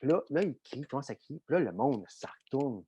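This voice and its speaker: A middle-aged man with a Québécois French accent, telling a lively anecdote in a podcast interview, full of fillers and swearing. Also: mid-range voice, a little fast, slight background noise. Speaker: guest coach and former Olympian. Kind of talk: casual storytelling in a podcast interview.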